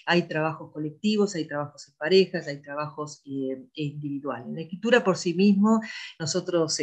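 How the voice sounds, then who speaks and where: Lower-voiced woman explaining methods. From Argentina. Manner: measured explanatory delivery with frequent "este" and "eh" fillers. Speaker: education official presenting to teachers. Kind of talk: recorded educational presentation.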